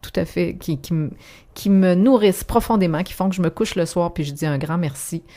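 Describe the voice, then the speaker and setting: A woman's voice: lowish voice, brisk, mellow. A woman with a Québécois accent, an author talking reflectively in a radio interview, often restarting her sentences. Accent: Québécois French. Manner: reflective, with frequent restarts and fillers. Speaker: author guest.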